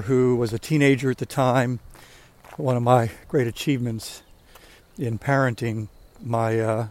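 Out on a walk, a podcast host in his sixties talks in a relaxed, somewhat rambling way. His voice sits at medium pitch with a darkish tone.

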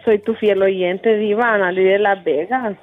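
A woman's voice: mid-range voice, steady tone, unhurried, dry recording, narrow, tinny audio, soft background music. A woman calling in to a radio show, friendly and a little shy. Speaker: caller.

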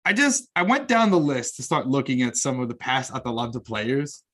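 A man hosting a podcast interview, excitably stacking repeated words as he builds his questions. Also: medium pitch, brisk. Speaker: podcast host. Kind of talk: casual interview chat.

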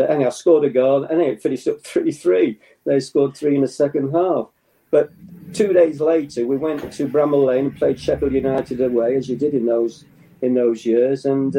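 An older man from England, a former footballer being interviewed, reminiscing in a halting way with many restarts and chuckles. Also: fairly high pitch, warm tone, poor audio.

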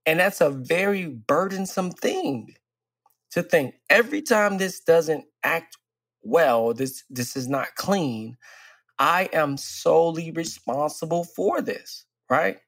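A man's voice: on the high side, expressive, slow, fairly bright tone, dry recording, studio quality. A man co-hosting a podcast, speaking emphatically in a preachy way and often checking in with "right?". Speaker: podcast co-host. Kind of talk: casual chat.

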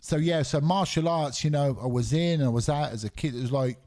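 On the high side yet darkish in tone, the man speaks briskly. He's a middle-aged MMA referee, Scottish by birth and raised in England, rambling candidly with many fillers as a guest on a casual podcast.

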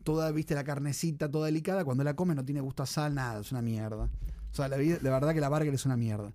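A man's voice: fairly high pitch, fast, warm tone. A man in his forties from Argentina with an Argentine accent, chatting casually and explaining slang with lots of examples. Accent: Argentine Spanish. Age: 40s. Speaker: guest teaching slang. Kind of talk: casual chat.

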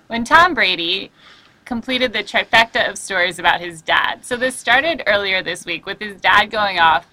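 A woman's voice: mid-range voice, animated, normal speed, pushed and bright, no room sound, rough recording. A woman co-hosting a casual chat show, telling stories in a chatty way. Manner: chatty storyteller, laughs easily. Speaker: podcast co-host.

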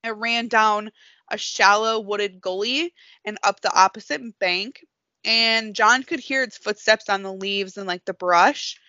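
Giggly, bright-voiced young woman storyteller. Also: mid-range voice, a little slow, dry recording. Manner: chatty, laughs often, many "like" fillers. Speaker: podcast host. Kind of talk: casual storytelling podcast. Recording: dry, slightly dull remote recording.

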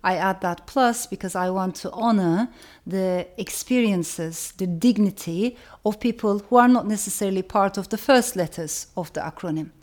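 In a reflective educational talk, a woman from Turkey speaks deliberately and uses repetition for emphasis. Her mid-range voice has a somewhat dark tone.

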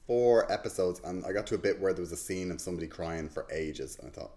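Male host, very low pitch, laid-back and amused. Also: fast talker, warm tone. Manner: easygoing, laughs along. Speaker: interviewer, podcast host. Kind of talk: casual chat and outro narration.

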